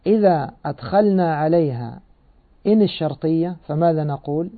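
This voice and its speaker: A man's voice: a little high, expressive, normal speed. A man teaching Quran commentary and grammar, explaining step by step and asking and answering his own questions. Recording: tinny phone-like sound.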